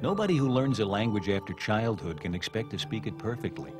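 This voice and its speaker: Low-voiced man narrating a documentary. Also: expressive, brisk, music in the background. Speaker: documentary host. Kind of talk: scripted narration and interview questions.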